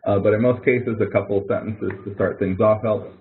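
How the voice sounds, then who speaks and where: Over a narrow, tinny online-call connection, a man with a lowish voice runs a help webinar for students. He speaks at a moderate pace with fairly even intonation, explaining things in an informal, rambling, hesitant way and repeating words.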